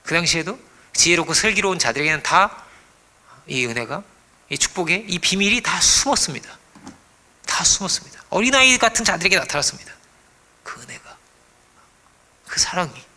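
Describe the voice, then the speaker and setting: A man preaching a sermon as pastor, dropping to hushed whispers and rising to loud exclamations, often asking the congregation questions. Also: fairly high pitch, animated, moderate pace, pauses often. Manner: dramatic swings between hushed whispers and raised exclamations; asks the congregation rhetorical questions.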